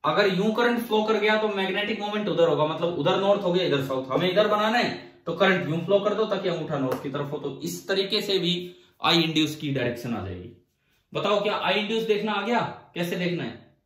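Man, physics teacher, classroom lecture, high-pitched voice, quizzes the class and answers himself, recorded at a distance. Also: expressive, fairly quick, a bit bright, reverberant. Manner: asks the class questions and answers them himself; repeats key phrases to drive points home.

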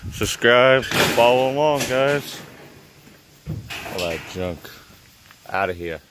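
A man's voice: mid-range voice, animated, takes it slowly. A young man who runs a small junk removal business, talking casually to his phone camera with lots of fillers, partly from his car. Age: young adult. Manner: plain, upbeat, chatty with many fillers. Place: in a car, then in a small room at home. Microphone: phone camera at arm's length. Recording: noisy phone recording with vehicle sounds.

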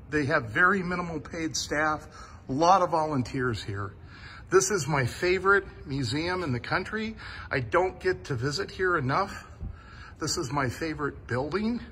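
A man with a bright, forceful voice narrates a walk through a big indoor vehicle warehouse, talking into his phone camera. He sounds enthusiastic and amazed, and his voice sits a little high for a man. A faint background hiss runs under the recording. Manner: enthusiastic, awed. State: a bit sweaty after driving. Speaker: vlogger touring a vehicle museum.

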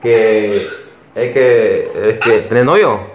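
A young man with a Central American Spanish accent and a fairly low voice talks casually as a vlog host. He is in a small bedroom that echoes, with slightly dull sound. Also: slow pace. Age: young adult. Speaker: prank caller and video host. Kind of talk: casual vlog chat and phone prank. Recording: echoey, dull room sound, faint noise.

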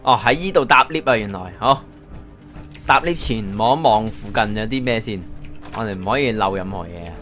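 A man's voice: on the low side, fairly quick, a bit bright, soft background music. A man with a Hong Kong Cantonese accent giving a casual, chatty game walkthrough, thinking aloud as he plays. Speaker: gaming YouTuber.

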